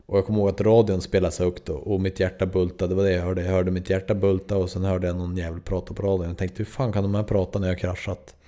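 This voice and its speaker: A man's voice: deep voice, little pitch movement, few pauses, mellow. A man in his twenties from Sweden, a podcast host telling a story in a loose, rambling way, full of fillers and swearing. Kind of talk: casual storytelling.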